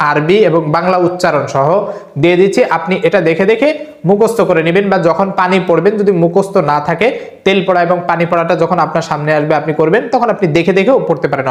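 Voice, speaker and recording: A man giving step-by-step religious instruction in a Bangladeshi Bengali accent. He gives brisk, repetitive directions and recites verses slowly for learners to copy. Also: fairly high pitch. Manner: slow, drawn-out recitation of Arabic verses, repeated for learners; brisk, repetitive spoken instructions with frequent filler "ah". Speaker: Islamic teacher. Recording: echoey room.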